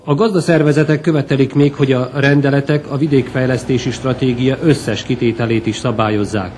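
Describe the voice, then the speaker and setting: A man's voice: mid-range voice, slight background noise. Formal male news reporter voice-over. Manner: even, formal read delivery. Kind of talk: scripted news narration.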